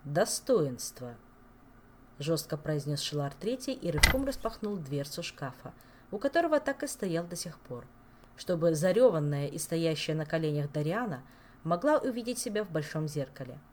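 A woman reads a fantasy novel aloud in an expressive audiobook narration. Her voice is low and her pitch moves in lively arcs as she tells the scene dramatically. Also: normal speed, slight background noise. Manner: dramatic, storytelling. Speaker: audiobook reader.

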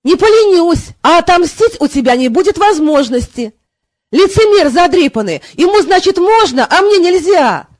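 Lady reading a cranky hungover king, sarcastic, high and dry. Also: very animated, moderate pace, no echo. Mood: snappish. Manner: snappish, sarcastic. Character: hungover sharp-tongued young king.

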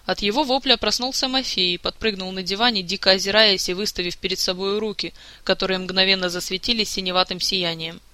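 A man narrates a fantasy audiobook with lively, expressive reading. His voice is fairly high and very bright. The recording is dry and close, with no room sound. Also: a little fast, few pauses, smooth, no room sound.

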